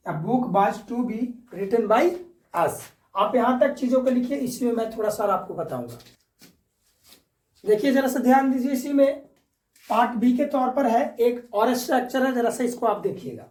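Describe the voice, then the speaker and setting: With a very high, slightly mellow voice at a moderate pace, a man gives a classroom-style grammar lesson, going step by step. He repeats points and checks understanding with short tag questions. The microphone is distant and the room echoes.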